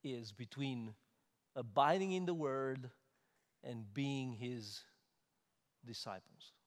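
A male preacher with a mid-range voice, his sermon rolling through a reverberant church hall. He swings between loud, emphatic stresses and quiet, conversational asides. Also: medium pitch, slow. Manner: rises to loud emphatic stresses, then drops soft and conversational.

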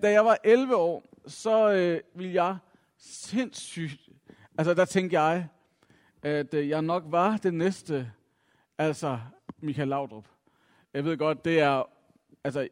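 A man's voice: fairly high pitch, a little mellow. A middle-aged man from Denmark telling a personal story to an audience, reflective and self-mocking, with lots of filler sounds. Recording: long reverb from a hall.

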